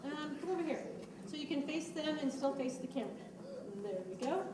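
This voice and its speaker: A woman's voice: high voice, a little fast. A woman narrating a story and directing children through a church skit, giving patient, coaxing instructions. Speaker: children's ministry leader directing a Bible skit. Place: church room. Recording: roomy, distant mic with background noise.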